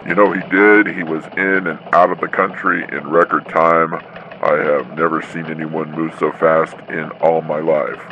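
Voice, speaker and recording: A man's voice: rumbling low, little pitch movement, unhurried. A man playing a matter-of-fact Christmas elf correspondent, calling in a scripted radio report over a phone-like line. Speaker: field correspondent. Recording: tinny phone-like radio line, faint noise.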